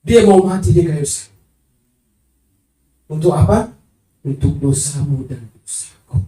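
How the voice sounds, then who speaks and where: A woman's voice: deep voice, expressive, a little slow, dark tone. A woman preaching a sermon, emphatic and calling out to the congregation, sometimes singing her phrases. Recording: echoey hall, voice from far off.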